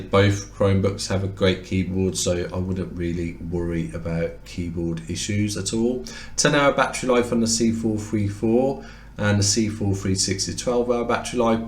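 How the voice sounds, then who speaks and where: A man's voice: deep voice, slight background noise. A man losing his voice, talking casually and explaining as he compares two laptops in a review, now and then correcting himself mid-word. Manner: explanatory, conversational, occasional self-corrections. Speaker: tech reviewer. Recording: roomy echoey room sound.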